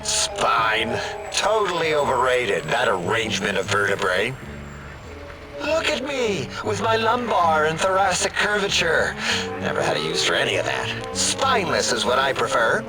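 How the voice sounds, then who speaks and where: An actor playing an insecure, sardonic robot scientist in a video game, with a flippant, halting, awkward delivery. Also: male voice, mid-range voice, huge pitch swings, low-quality recording. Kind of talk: comic video game voice acting. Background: music.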